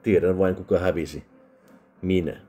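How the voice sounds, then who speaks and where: A man doing a raspy drunk scarred soldier. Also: sits low, fairly even intonation, mellow, faint music behind, natural voice. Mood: menacing, bitter. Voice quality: drunken rasp.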